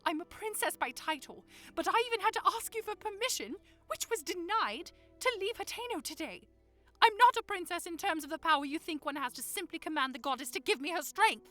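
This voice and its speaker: A woman's voice: very high voice, expressive, fairly quick, pushed and bright, faint music behind, full character voice. A woman playing an anxious young princess in an audio drama, self-doubting yet earnest and emotional. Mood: frustrated, despairing.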